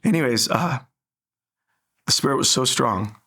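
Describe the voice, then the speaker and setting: A man's voice: medium pitch, animated, measured pace, pushed and bright. A man sharing an earnest personal faith story in an interview, acting out the dialogue as he tells it.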